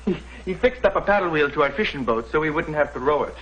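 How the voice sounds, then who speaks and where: A man's voice: on the high side, lively intonation, quick pace, a bit bright, lo-fi sound. Man acting a lilting, jovial Irish sea captain. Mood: merry, folksy. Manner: chuckling, folksy, exclaiming storyteller. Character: jovial red-haired Irish-American steamboat captain from the past. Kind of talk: scripted educational drama acting.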